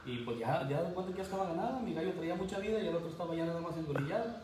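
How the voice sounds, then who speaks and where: A man's voice: fairly high pitch, lively intonation, very fast, noisy background. A man chatting casually in an interview, often laughing as he talks. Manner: laughs often while telling stories. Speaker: cockfight handler.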